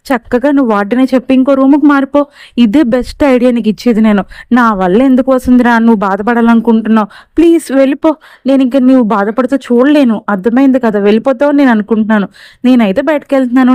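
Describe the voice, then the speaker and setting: A woman's voice: fairly high pitch, fast, a little mellow, clean tone, no echo, close to an everyday voice. A woman voicing a cold, dismissive young woman with a sarcastic, lecturing manner. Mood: scornful.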